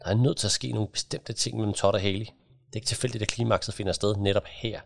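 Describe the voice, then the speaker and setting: A man's voice: on the low side, fairly even intonation, gravelly, slight background noise. A man voicing a focused, commanding woman who leads a team of agents in an audiobook. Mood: firm. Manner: firm, clipped.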